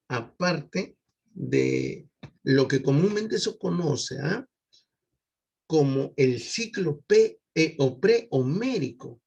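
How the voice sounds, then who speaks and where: A man's voice: a little high, gravelly, breathy edge. A male literature teacher giving an online class, full of tag questions and acted-out scenes. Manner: asks rhetorical questions with tag questions, acts out scenes.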